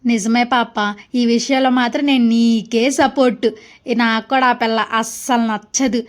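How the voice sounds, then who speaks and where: A woman with a high voice plays a mother in her own comedy skit. She chats and gossips, then scolds and threatens her daughter loudly. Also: steady tone, measured pace. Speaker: comic sketch creator.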